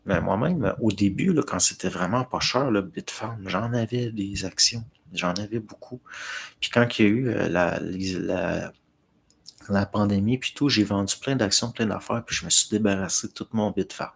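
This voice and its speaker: A man's voice: on the low side, moderate pace, gravelly, a little hiss or hum. A middle-aged man with a Québécois accent, chatting casually on a livestream and answering viewer comments in a rambling, hesitant way. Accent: Québécois French. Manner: hesitant, many fillers and restarts, talking to chat.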